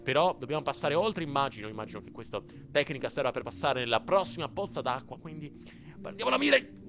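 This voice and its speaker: A young man from Italy commentating a platform game, excitable, swearing and exclaiming often. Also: mid-range voice, fast, faint music behind. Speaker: gaming YouTuber. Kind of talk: let's play commentary.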